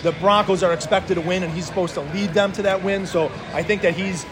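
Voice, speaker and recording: A male sports show co-host with a high voice talks casually and haltingly, often repeating himself. Clear urban outdoor noise runs behind him. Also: steady tone.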